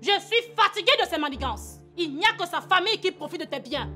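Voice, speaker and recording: A defiant, bitter sister-in-law. Her high voice leaps around in pitch as she hurls accusations, over faint music. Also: expressive, fairly quick, pushed and bright, exaggerated voice. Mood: accusing. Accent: Cameroonian French. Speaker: husband's sister.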